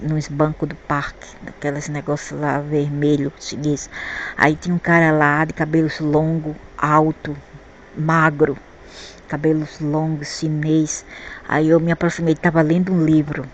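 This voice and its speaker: Low-voiced Brazilian woman telling a story. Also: highs cut off, slight background noise. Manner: rambling, repeats words while searching for them. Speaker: spiritual vlogger. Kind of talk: personal storytelling about the afterlife.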